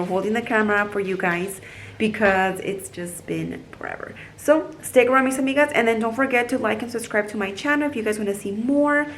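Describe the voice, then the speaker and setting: A young woman chatting excitedly to her phone camera at home, slipping phrases in among her English. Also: mid-range voice, slight background noise. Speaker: vlogger. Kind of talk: casual chat to camera.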